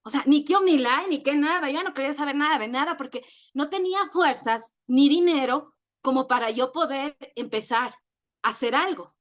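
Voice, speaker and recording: Middle-aged Ecuadorian woman, high voice, earnest personal testimony with halting repeats. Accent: Ecuadorian Spanish. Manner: emotional and earnest, halting with many repeated words. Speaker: network marketing leader.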